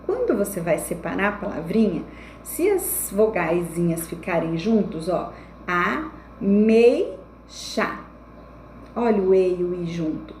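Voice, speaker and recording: A young woman teacher giving a recorded online lesson to children, explaining slowly and checking in with frequent tag questions. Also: on the low side, lively intonation, mellow. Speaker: primary school teacher. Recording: echoey room with faint background noise.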